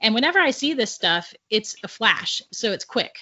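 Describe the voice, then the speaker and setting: Middle-aged woman, bright tense tone, chatty psychic guest, slightly dull lo-fi audio. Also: fairly high pitch, sing-song, normal speed, breathy edge. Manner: chatty, laughs through her stories. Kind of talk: casual storytelling. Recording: dull lo-fi sound.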